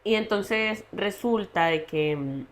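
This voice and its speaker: A young woman, telling her personal story as a podcast guest in an earnest, halting way. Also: medium pitch, lively intonation. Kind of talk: personal testimony in a podcast interview.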